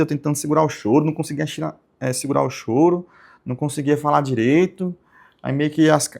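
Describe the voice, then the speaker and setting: Young guy from telling his testimony, gravelly voice, soft and rambly, keeps going "né?". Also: mid-range voice. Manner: soft-spoken, rambling storytelling with frequent tag questions. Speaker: channel host giving testimony. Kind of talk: personal testimony.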